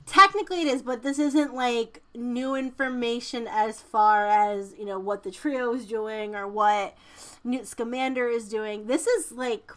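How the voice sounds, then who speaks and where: A woman's voice: a little high, measured pace. A woman co-hosting a podcast in casual chat, informal and emphatic, sometimes reading out news items. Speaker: podcast co-host.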